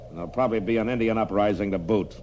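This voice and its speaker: An actor playing a grave, authoritative frontier marshal with an American accent in an old-time radio western. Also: male voice, lowish voice, very fast, darkish tone, muffled recording, natural voice. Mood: commanding. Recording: noisy old radio drama recording.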